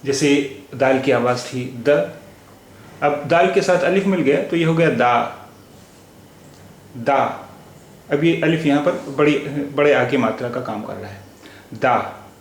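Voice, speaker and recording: Slow, deliberate male language teacher. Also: mid-range voice. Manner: spells letters out and repeats words slowly. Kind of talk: slow, deliberate spelling-out lesson. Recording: echoey room with faint noise.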